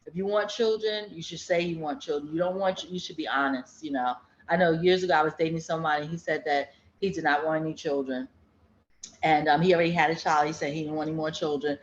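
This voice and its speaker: Her low-pitched voice stays fairly even in intonation and runs fast, with a little hiss or hum in the recording. This woman in her fifties chats casually, telling stories and acting out quotes, in a dull, echoey room.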